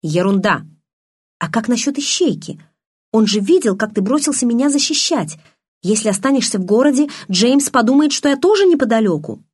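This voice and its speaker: A woman's voice: high voice, big pitch swings, moderate pace, darkish tone, breathy edge, voice pushed up, heavily acted. A woman reading an audiobook, voicing an anxious, insistent teenage girl who argues and pleads. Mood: indignant. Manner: pleading, argumentative.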